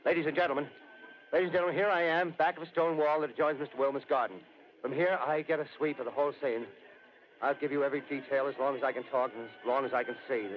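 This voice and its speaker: An actor playing an alarmed eyewitness radio reporter in a 1930s old radio show drama, urgent and on the spot. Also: male voice, on the high side, fairly even intonation, fast, lo-fi sound, natural voice. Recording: scratchy, noisy 1930s radio broadcast.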